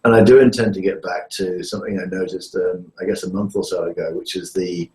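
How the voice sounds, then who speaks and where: A university lecturer heard over a remote call line that breaks up and echoes, talking casually with many pauses and fillers. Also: male voice, sits low, steady tone, darkish tone. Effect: remote call line that breaks up, with echo. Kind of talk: casual video call chat.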